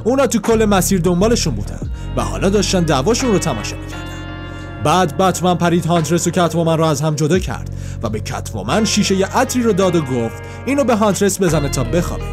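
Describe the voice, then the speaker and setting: A man narrating a recap of a comic book in a plain, steady storytelling manner. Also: sits high, over music.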